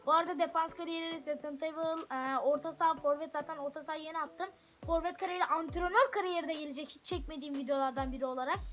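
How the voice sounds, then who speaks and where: A woman casually commentating her soccer video game at home, chatting to viewers and shouting at her players when the action heats up. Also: high voice. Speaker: gaming channel host. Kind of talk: live gameplay commentary. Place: room at home.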